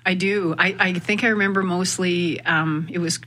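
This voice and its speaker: A woman's voice: fairly low pitch, fairly even intonation, normal speed, a bit bright, slight background noise. A woman from Canada, a guest on a radio interview, speaking reflectively with many fillers and restarts. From Winnipeg, Canada. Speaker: guest, sales executive. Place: radio studio.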